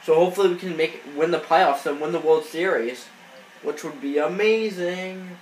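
His voice a little high and his pace moderate, a gaming channel host narrates baseball gameplay off-screen while sniffling from a cold. The commentary is casual and rambling, dotted with fillers and restarts, in an echoey room with faint noise.

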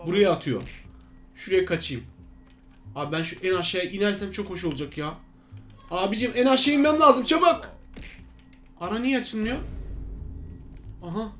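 A young man hosting a gaming channel, giving excitable live commentary on his play and talking to viewers as friends. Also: high-pitched, a little fast, long pauses, soft background music.

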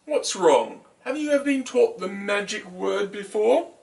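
A man voicing a stern, wise male owl in a children's story, speaking slowly and in a lowered voice. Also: expressive, gravelly, darkish tone, recorded from a distance, exaggerated voice. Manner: slow, stately and lower-pitched.

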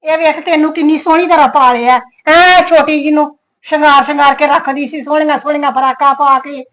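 A woman's voice: high voice, steady tone, fairly quick, fairly bright tone. A woman playing a stern, middle-aged aunt in an amateur family skit, scolding and lecturing her niece.

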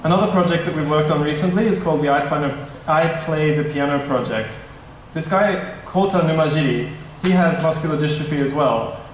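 This young startup presenter speaks a little high and fairly quickly, giving his meetup talk in a casual, somewhat nervous way and revising his phrasing along the way. The room is a big indoor hall. Picked up by a far-off stand mic, his voice echoes, with slight noise underneath.

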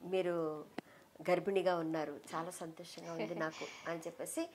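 A middle-aged woman as an interview guest, telling a personal memory with heartfelt emotion and softening her voice when she quotes others. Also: fairly low pitch, level tone, normal speed, slight background noise. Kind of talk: reminiscing in an interview.

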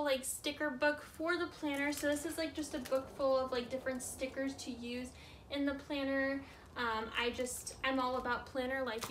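Casting: female vlogger, twenties, high-pitched and chirpy, informal haul-video chat, slightly noisy indoor recording. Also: fairly bright tone. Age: 20s. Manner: frequent "like" as filler, informal.

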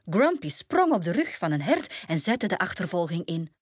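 A woman with a Flemish accent reading a fairy tale aloud to children, telling the story in an expressive, dramatic way. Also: fairly low pitch, normal speed, slightly rough, dry recording, clean studio sound.

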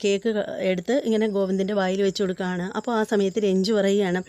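A woman's voice: medium pitch, level tone, fast, mellow, clear, resonant tone, no echo. A woman casually retelling the scenes of a TV serial, quoting the characters, with many fillers and restarts. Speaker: serial recap narrator. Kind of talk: casual storytelling recap of a TV serial.

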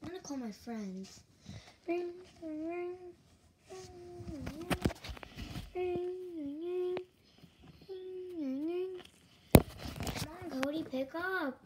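A woman's voice: very high voice, drawn-out words, pauses often, heavy background noise, full character voice. A woman doing a whiny spoiled boy. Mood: bored.

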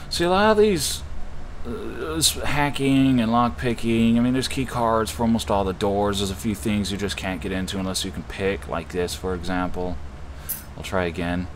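A man's voice: lowish voice, normal speed. A man giving casual, rambling game commentary, swearing freely and running himself down. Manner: profane, self-deprecating. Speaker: gamer doing a playthrough. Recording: noisy background hum.

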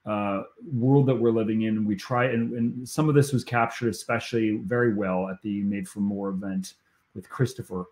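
A man's voice: lowish voice, fairly even intonation, normal speed, a little mellow. A man hosting a coaching podcast, talking enthusiastically in casual conversation and often stumbling over repeated words.

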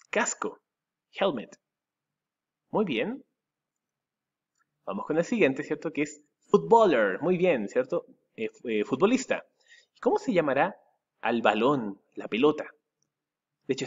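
A Chilean man with a husky, sing-song voice, slightly high in pitch, records an English vocabulary lesson for pupils in his Chilean Spanish accent. He spells each word letter by letter and says it again slowly with rising stress. The audio sounds dull.

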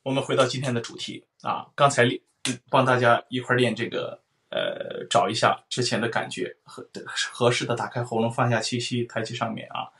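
Man, voice teacher, singing lesson, bright forceful tone, breaks into loud sung vowels. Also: medium pitch. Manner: explains then sings vowels, loud sung demonstrations.

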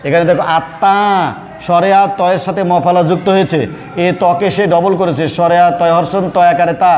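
A man's voice: high voice, little pitch movement, a little fast, darkish tone, in a large hall, slight background noise. A man teaching an online grammar lesson, explaining step by step and repeating key words. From Bangladesh.

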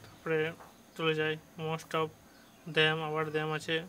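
A male tutor, teaching a grammar lesson to children and slowly explaining and reading English passages aloud. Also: on the high side, monotone, sharp tone, slight background noise.

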